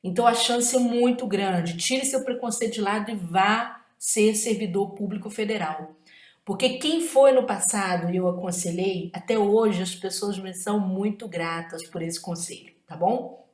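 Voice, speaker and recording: A woman's voice: medium pitch, normal speed, a little mellow, echoey room. A woman with a Brazilian Portuguese accent gives an exam-prep writing lesson, emphatic and often checking in with tag questions.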